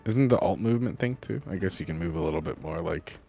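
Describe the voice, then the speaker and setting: Man, game player, fairly low voice, laughs a lot, excited interjections, faint music behind. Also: fast, gravelly. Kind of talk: casual tabletop game chat.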